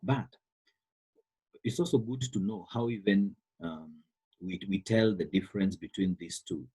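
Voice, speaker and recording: Kenyan man, biology teacher online, low husky voice, repeats and stresses terms. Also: measured pace, dark tone, rough recording. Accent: Kenyan English. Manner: repeats words, stresses key terms, calls on students by name. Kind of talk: online class lecture. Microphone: computer microphone on a call.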